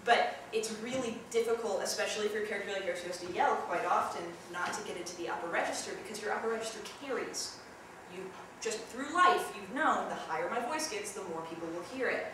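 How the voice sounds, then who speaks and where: A woman's voice: medium pitch, fast, hardly any pauses. A young woman leading a theatre workshop, chatty and demonstrative, talking to a group of students. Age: young adult. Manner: chatty, demonstrative, jumps into loud yelled examples. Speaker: acting workshop leader. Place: large echoey room. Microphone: distant camera mic. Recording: echoey room from far off, noisy.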